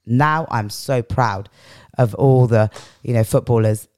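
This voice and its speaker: A middle-aged British podcast guest from England delivers reflective personal stories in an interview, repeating phrases for weight. Her strong, powerful bass voice is a little slow with a darkish tone, recorded dry in clean studio sound.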